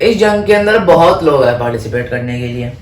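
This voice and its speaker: A man's voice: mid-range voice, animated, fairly quick. Man teaching history in an echoey room. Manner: mixes Hindi and English, stumbles over French names and apologizes; asks himself questions then answers them. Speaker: history tutor. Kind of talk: casual exam-prep lesson. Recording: echoey room, faint background noise.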